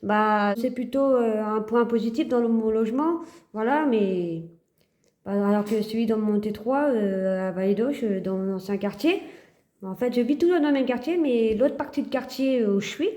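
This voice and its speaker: A woman chatting casually to her phone camera in a vlog. Her voice sits a little high but sounds warm and mellow, and she stops often to search for words before she goes on. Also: moderate pace. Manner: hesitant, many fillers and restarts. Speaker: vlogger.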